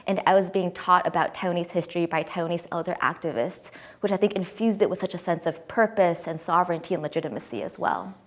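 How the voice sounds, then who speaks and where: Articulate young woman, interview guest. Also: on the low side. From United States. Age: 20s. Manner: articulate, enthusiastic, measured. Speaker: interview guest, editor-in-chief. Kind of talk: conversational interview.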